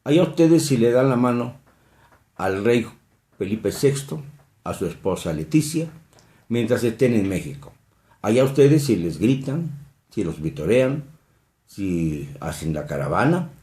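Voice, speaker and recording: A Mexican man giving an emphatic, indignant commentary monologue, jumping sharply in pitch on key phrases. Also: very animated, measured pace, long pauses, warm tone. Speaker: political commentator. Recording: roomy echo.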